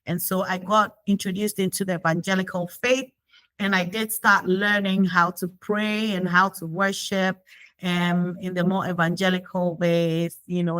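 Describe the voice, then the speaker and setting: A woman's voice: lowish voice, a bit bright, dry recording, low-quality recording. A woman from Ghana being interviewed, talking reflectively with frequent fillers and restarts. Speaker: guest. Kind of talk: conversational interview.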